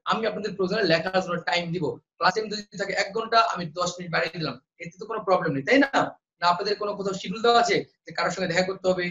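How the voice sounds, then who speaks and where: Fast high-voiced male teacher, echoey. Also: sharp tone, muffled recording. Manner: quizzes students with questions and repeats answers. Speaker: Bangla teacher for admission prep. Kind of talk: online class lecture.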